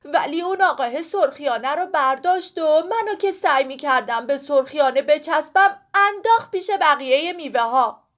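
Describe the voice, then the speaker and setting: Chatty, dramatic pomegranate girl voiced by a woman, high and lively, talks nonstop. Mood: upset. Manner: talkative, exclaiming, whiny.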